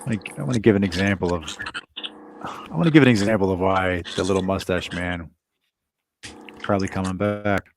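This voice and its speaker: Blunt low-voiced male host. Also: moderate pace, long pauses, a little hiss or hum. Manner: blunt, repeats words as he starts sentences. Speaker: show host. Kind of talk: casual political chat.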